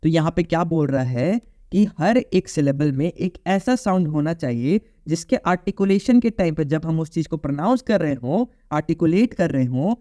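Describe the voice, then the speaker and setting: A man's voice: high-pitched, mellow, no room sound, clean studio sound. A man teaching an online phonetics lecture in Hindi mixed with phrases, explaining patiently and asking the class questions. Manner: mixes English phrases into Hindi.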